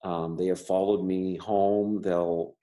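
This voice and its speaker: A man's voice: low-pitched, little pitch movement, slow pace, mellow. A man who stutters, an artist and teacher talking casually in an interview, with many restarts and repeated words. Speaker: member artist.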